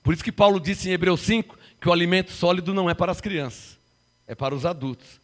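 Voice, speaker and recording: Guy in his 50s preaching, high pitched, keeps asking the church questions, goes loud then quiet. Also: fast talker. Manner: rhetorical questions to the congregation, big swings from loud to hushed. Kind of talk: sermon.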